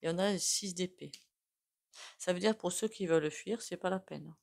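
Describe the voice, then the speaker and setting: A woman with a noticeable accent lays out tarot cards and talks them through casually. Her voice sits a bit low, and she wanders into fillers and side remarks. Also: normal speed, creaky, a little mellow. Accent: non-standard French accent. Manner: chatty, many fillers and asides. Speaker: tarot reader. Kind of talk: casual spoken tarot reading.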